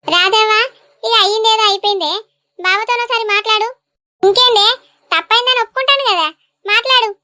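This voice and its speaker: A woman voicing an outspoken village woman with a Telangana Telugu accent, scolding and bossing in an animated comedy. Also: very high voice, fairly quick, long pauses, no echo, studio quality. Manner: scolding, bossy.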